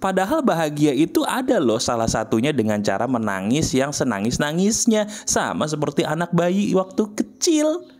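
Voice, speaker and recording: A man giving a motivational monologue straight to the listener. He coaxes and repeats himself, asks rhetorical questions, and swings between soft low murmurs and high emphatic bursts. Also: wildly swooping pitch, normal speed. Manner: intimate, coaxing, with frequent repetition and rhetorical questions. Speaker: motivational speaker.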